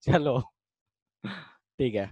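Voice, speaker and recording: In a laid-back online chemistry class, a man explains reactions and chats with his students, calling them beta and reading their chat comments aloud. His voice is medium-pitched and a little mellow, with drawn-out words. The audio is dull, with no room sound.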